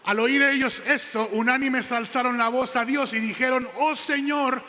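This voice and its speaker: A man preaching a sermon as pastor, emphatic and repeating key phrases slowly, on a handheld mic in a church hall. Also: extremely high pitch, steady tone, pushed and bright. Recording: long hall reverb.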